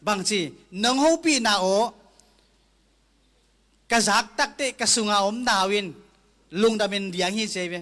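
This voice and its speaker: A man preaching a sermon slowly and deliberately, sometimes closing a thought with an amen. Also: high voice, pushed and bright. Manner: slow, deliberate preaching with frequent amens.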